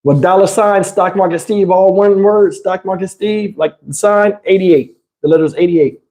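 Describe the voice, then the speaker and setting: In a high voice with a dark tone, a man talks at normal speed to the viewers of his livestream. The chat is casual and meandering, full of slang and cursing.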